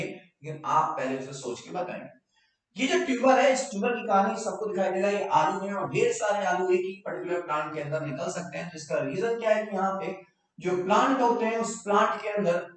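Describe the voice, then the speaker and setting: बहुत गूंजते कमरे में ऊँची आवाज़ वाला शिक्षक. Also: male voice, high-pitched, distant mic. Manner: explains in mixed Hindi and English, repeats key terms, invites student questions. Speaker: biology teacher. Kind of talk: online live class lecture. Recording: very echoey room, voice off-mic.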